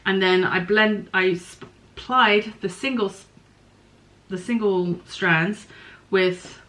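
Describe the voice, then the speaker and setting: A woman's voice: mid-range voice, steady tone, slow pace, bright, forceful tone, rough recording. Chatty woman musing over her crafts. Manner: chatty and musing, thinking aloud with small apologies. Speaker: podcast host. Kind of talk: casual chat about knitting and spinning.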